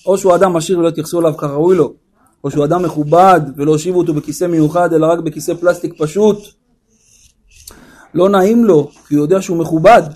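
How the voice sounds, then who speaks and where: High-voiced rabbi preaching with animated questions. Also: male voice. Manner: animated storytelling with rhetorical questions. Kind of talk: sermon.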